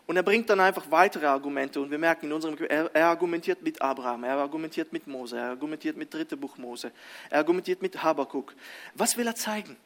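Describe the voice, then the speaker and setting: Animated high-voiced German preacher. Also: male voice, quick pace. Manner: animated, restarts mid-sentence, asks the congregation "Amen?". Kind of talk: sermon with scripture reading.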